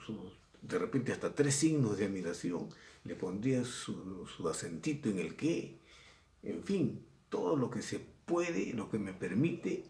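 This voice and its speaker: A man's voice: lowish voice, warm tone. A middle-aged man with a Peruvian accent, a secondary school language teacher giving a recorded lesson in a conversational way, often repeating himself and acting out examples. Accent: Peruvian Spanish. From Peru. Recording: echoey room.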